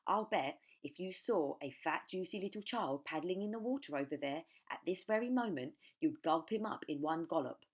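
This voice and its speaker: Big greedy boastful croc from a kids book, lady doing it, husky, really swoopy, drags out words. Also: fairly low pitch, animated. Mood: gloating. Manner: boastful, relishing, drawn-out words. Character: enormous greedy boastful male crocodile, gleefully wicked.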